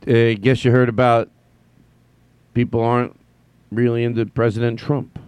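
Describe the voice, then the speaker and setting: A man hosts a solo comedy podcast, rambling and correcting himself as he jumps between thoughts. He wears headphones and uses a studio mic, giving a clean, echo-free sound. His mid-range voice is smooth and a little mellow, with a level tone at a moderate pace.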